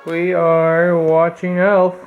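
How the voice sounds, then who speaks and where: A man's voice: fairly high pitch, monotone, slow pace, clear, resonant tone, phone-quality sound, faint music behind. A man making casual, bantering conversation in a home vlog.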